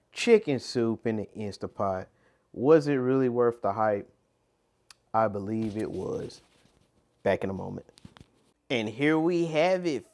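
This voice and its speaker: A cooking channel host demonstrates a recipe in a home cooking video, upbeat, enthusiastic and repeating himself a lot, sometimes talking with his mouth full. His medium-pitched voice is a little mellow, with slight background noise behind it.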